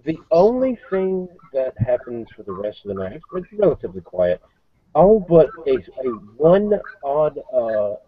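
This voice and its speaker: A man running a tabletop game as game master who narrates haltingly, searching for his words. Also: medium pitch, sing-song, dry recording. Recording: thin, phone-like line.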